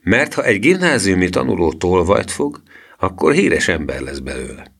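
A kindly middle-aged police inspector, done by a man reading the story, firm but good-humoured. His voice sits a little above the reader's deep own tone and moves lively through each sentence. It has a warm, avuncular storybook feel. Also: vocal fry, full character voice. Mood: explaining.

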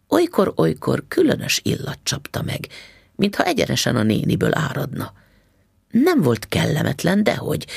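Gravelly male audiobook narrator. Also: a little high, no room sound, studio quality. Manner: calm, measured narration. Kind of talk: audiobook reading.

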